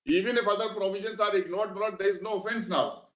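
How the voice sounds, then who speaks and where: A man arguing a case in a formal, deferential manner, speaking in a rather high voice. His words carry the echo of a roomy courtroom. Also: fairly even intonation, fast talker, a bit bright. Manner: deferential, formal, repeatedly addressing the bench as "my lord". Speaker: advocate arguing before judges. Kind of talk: courtroom argument.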